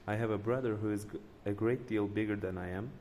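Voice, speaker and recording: A man's voice: on the low side, fairly even intonation, quick pace, darkish tone, in a large hall, a little hiss or hum, lightly acted. A man voicing a small, frightened young male goat who pleads timidly to be spared. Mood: pleading.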